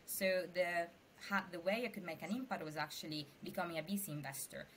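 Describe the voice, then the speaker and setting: Speaking with an Italian accent, this young woman from Sicily is an interview guest and venture capital investor who talks animatedly and casually. Her pitch sits fairly low, she talks fairly quickly, and slight hiss or hum can be heard.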